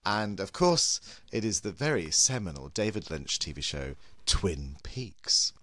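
A man's voice: low voice, sing-song, measured pace, sharp tone, no room sound. A man hosting a casual film and TV chat in a campy, theatrical drag queen manner. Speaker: podcast host.

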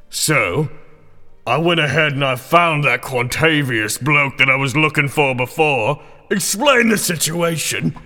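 A man voicing a smug, taunting red demon villain in a tabletop game, gravelly and goading, mock-apologetic. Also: a little high, sharp tone, pitched above the performer's own voice. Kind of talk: tabletop role-play villain. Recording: long reverb, music underneath. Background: music.

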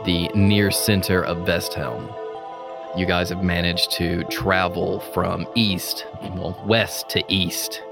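A man narrating a tabletop game as game master, with upbeat, loud banter. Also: sits low, vocal fry.

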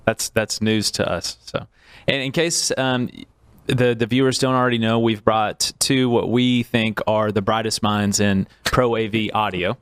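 A man hosting a podcast, laid-back and joking, with frequent halting restarts. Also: on the low side, steady tone, a bit bright, clean tone, no echo. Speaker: podcast host, integrator. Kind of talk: casual podcast chat.

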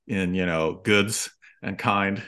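A man's voice: deep voice, takes it slowly, bright, forceful tone, smooth. A man hosting an interview, asking questions in a dry, wry way with filler words. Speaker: host.

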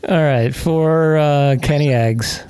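A man hosting a podcast, loose and profane as he wraps up the episode and reads shout-outs. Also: fairly high pitch, slow, smooth. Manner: loose, swearing, laughing. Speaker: podcast host. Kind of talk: casual crude banter.

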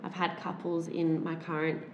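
A woman intimacy coach chatting as a podcast guest, enthusiastic and animated, often affirming the other speakers. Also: fairly low pitch, normal speed, lo-fi sound, noisy background. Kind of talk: casual podcast chat. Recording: roomy echo.

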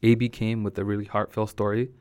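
A man's voice: on the low side, level tone, fast talker, darkish tone. A young man from Toronto with a local urban slang accent, chatting casually as a podcast host. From Toronto, Canada. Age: young adult. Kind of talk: casual chat.

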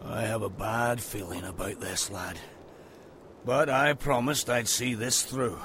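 Muradin, a slow-spoken gruff dwarf. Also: male voice, on the low side, background noise. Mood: uneasy. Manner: hearty, blunt, wary. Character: gruff, loyal older dwarf warrior and mentor. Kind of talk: fantasy video game acting. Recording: music behind the voice.

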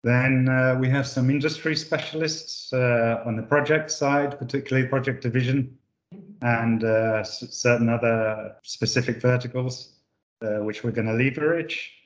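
A British man, a managing director, answers questions for a corporate podcast interview, using lots of fillers and restarts. His mid-range voice keeps a steady tone at a moderate pace, and the room sounds reverberant.

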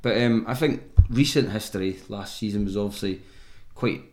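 A man's voice: on the low side, normal speed, darkish tone. Broad Scottish man in an echoey room. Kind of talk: casual panel chat. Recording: roomy, echoing room sound.

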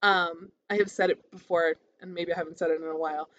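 A woman talking in a calm, therapist-like way, giving an informal, encouraging motivational monologue as a podcast host. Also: on the low side, fast talker, dry recording, dull audio. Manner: casual, conversational, encouraging.

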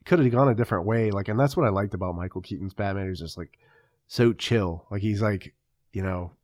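A man's voice: fairly low pitch, a little fast, darkish tone, no echo, studio quality. A laid-back man chatting about movies as a podcast co-host, agreeable and often hesitating with fillers. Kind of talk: casual chat about movies.

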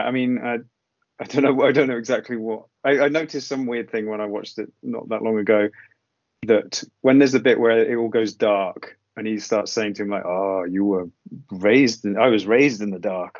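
A man's voice: mid-range voice, steady tone, fairly quick, a little mellow, dry recording. A man co-hosting a podcast, musing hesitantly about films and often trailing off. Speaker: podcast co-host. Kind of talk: casual film chat. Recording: dry, dull lo-fi audio.

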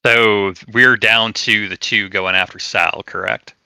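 A man's voice: on the low side, steady tone, measured pace, creaky, sharp tone, smooth, no echo. A man chatting casually as a player in a tabletop game.

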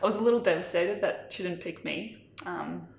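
A woman's voice: fairly low pitch, a little fast, vocal fry, roomy sound. A woman in her twenties, born in Malawi, chatting as an interview guest in a casual, self-deprecating way. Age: 20s.

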